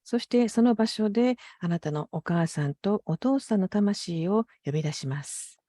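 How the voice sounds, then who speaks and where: Mellow woman interpreting, dry close sound. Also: medium pitch, lively intonation, normal speed, no room sound. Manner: polite, careful, hesitant phrasing. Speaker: consecutive interpreter. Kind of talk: interpreting a guided meditation.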